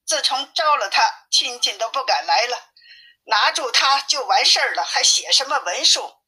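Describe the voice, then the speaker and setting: A woman's voice: a little high, animated, normal speed, bright, forceful tone, breathy edge, exaggerated voice, low-quality recording. A woman voicing a worried old man, an anxious father, in a storybook reading. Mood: relieved. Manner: anxious, complaining. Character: worried old male landlord, fretful father.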